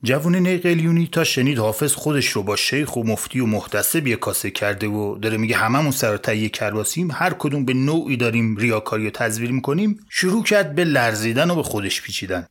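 A man's voice: medium pitch, expressive, hardly any pauses. A man narrating a comic story as a podcast host, playful and colloquial with wry asides.

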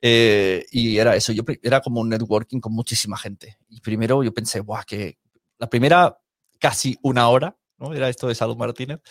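A man's voice: medium pitch, fairly even intonation, fairly quick, no echo, clean studio sound. A man hosting a casual podcast chat, telling anecdotes and acting out what people said. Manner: chatty storyteller, acts out quoted remarks. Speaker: podcast host and teacher.

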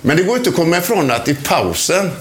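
A man's voice: a little high, sing-song, slight background noise. An older man, a former footballer, telling a chatty anecdote about an old match, often laughing as he speaks. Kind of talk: anecdotal storytelling.

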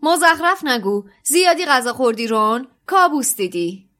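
A woman voicing a pompous, self-important teenage boy prefect in an audiobook reading, quick and defensive. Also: high-pitched, very animated, sharp tone, voice pushed up, full character voice. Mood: dismissive.

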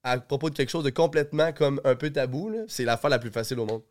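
A man's voice: medium pitch, fast, dry recording, studio quality. A man with a Québécois accent, his voice weak and worn out, talking as a guest on a casual podcast in a basement and trailing off at the end of phrases. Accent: Québécois French. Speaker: guest, streamer.

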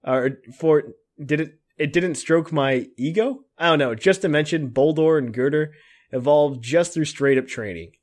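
A man's voice: on the high side, moderate pace. A man co-hosting a podcast, reading a listener's email aloud in a casual tone. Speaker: podcast co-host.

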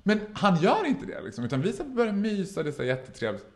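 A man in relaxed conversation who keeps his pitch moving all the time, so his delivery sounds expressive and animated. He tells stories with plenty of acted-out quotes and bursts of laughter. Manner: acts out other people's lines in voices, laughs often. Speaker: podcast guest telling stories. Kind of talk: animated anecdote in casual chat.

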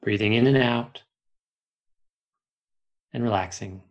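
A man guides a meditation in a calm, gravelly voice. He speaks very slowly, leaving long pauses between short phrases, and his tone stays soothing throughout. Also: fairly low pitch.

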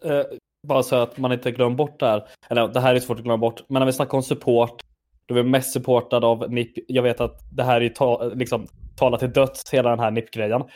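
A man's voice: medium pitch, little pitch movement, a little mellow. A man chiming in on a casual podcast conversation, talking loosely and correcting himself mid-sentence.

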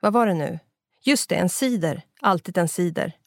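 A man's voice: high voice, creaky, a bit bright, no room sound, clean studio sound. A reader voicing a middle-aged Scottish pub owner, a chatty man with a Scottish accent who mixes English phrases into his talk. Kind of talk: audiobook character voice.

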